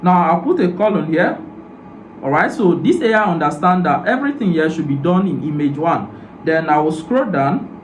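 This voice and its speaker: A man hosting a software tutorial, explaining each step plainly and often starting with "so" and "now". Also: a little high, expressive, normal speed. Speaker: tutorial host. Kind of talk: screen-recorded software tutorial. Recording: roomy echo, faint ambient noise.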